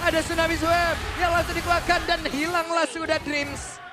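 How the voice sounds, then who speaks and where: A man commentating an esports match like an excited fighting game announcer, shouting and stretching out the key plays. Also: very high-pitched, normal speed, crowd noise, background noise. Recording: music behind the voice. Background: music.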